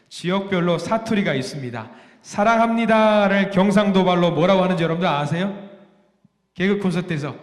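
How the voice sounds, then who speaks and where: Male pastor with a fairly high voice, sermon recorded in a roomy church sanctuary, engaging and jokey with the congregation. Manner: asks the congregation questions and jokes with them; repeats key phrases with rising emphasis. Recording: echoey hall with long reverb.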